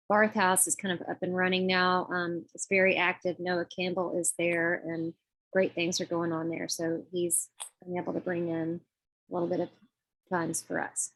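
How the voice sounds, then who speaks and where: A woman presents a budget report to a group call. Her voice sits a little low and sounds dry, with little room. She is courteous and informal, pausing hesitantly as she goes. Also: a bit bright, no room sound, low-quality recording. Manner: polite, informal, hesitant with frequent pauses. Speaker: finance committee treasurer presenting budget report. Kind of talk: semi-formal financial presentation on a group call.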